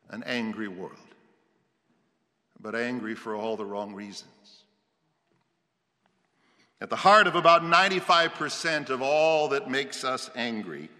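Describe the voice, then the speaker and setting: A man's voice: sits high, bright, forceful tone. A male preacher giving a sermon with storytelling, emphatic and rhetorical, building up in lists. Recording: long hall reverb.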